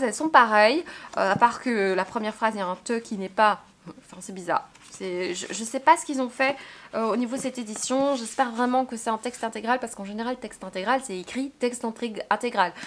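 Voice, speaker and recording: Young woman, book vlogger, casual chat, slightly high voice, hesitant and chatty. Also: a bit bright. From Belgium. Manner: chatty, hesitant with many fillers and restarts.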